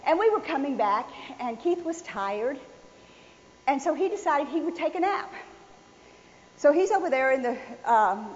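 A woman preaching a sermon, telling a personal story in a folksy, animated way. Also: sits high. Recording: dull sound with long hall reverb.

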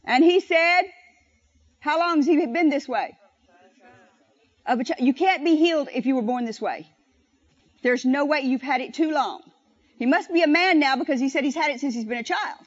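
A woman preaching a sermon, leading the congregation in call-and-response. She is animated and slows down to stress scripture. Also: high voice. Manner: animated, slows down to stress scripture and leads the crowd in repeating lines. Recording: dull, lo-fi church recording.

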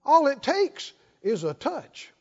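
A man preaching from the pulpit with a very lively, swooping delivery, pausing to prompt his listeners. His words come slowly and deliberately. The recording sounds dull and lo-fi. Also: very high voice. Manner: emphatic preaching with call-and-response prompts. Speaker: pastor. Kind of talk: sermon.

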